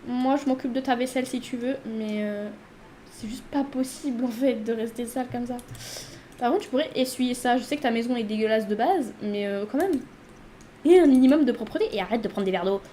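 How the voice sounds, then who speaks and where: A woman's voice: fairly high pitch, fairly quick, dark tone, slight background noise. A woman hosting a casual life-sim let's play, chatting away and talking to her character as she plays. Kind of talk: casual gameplay commentary.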